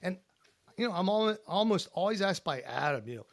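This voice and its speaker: Man, panel podcast, emphatic, folksy, higher-pitched, dry close sound. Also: big pitch swings, a little fast, vocal fry, dry recording. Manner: emphatic, folksy, rhetorical questions. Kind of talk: casual panel discussion.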